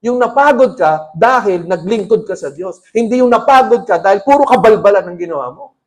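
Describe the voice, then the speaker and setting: A man's voice: high voice, lively intonation, brisk. A man with a Filipino accent preaching a sermon as pastor, mixing Tagalog and English and acting out quoted lines with a raised voice.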